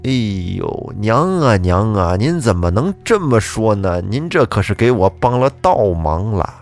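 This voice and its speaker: A man's voice: lowish voice, sing-song, unhurried, voice pushed down. A man voicing a young adopted son who earnestly argues his innocence before a magistrate. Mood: dismayed. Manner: earnest, insistent arguing. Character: young male adopted son, accused, protesting.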